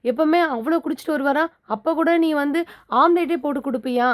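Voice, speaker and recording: A woman's voice: high-pitched, a little fast, lightly acted. Woman voicing an insistent worried mother. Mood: pleading, scolding. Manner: insistent, scolding questions. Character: worried middle-aged mother pleading with daughter.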